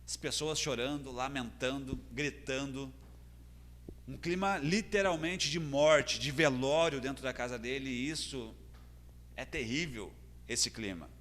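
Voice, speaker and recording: A man's voice: medium pitch, a little slow, fairly bright tone. A man with a Brazilian Portuguese accent preaching a sermon as pastor, earnest and building in intensity. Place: church hall. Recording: long church hall reverb.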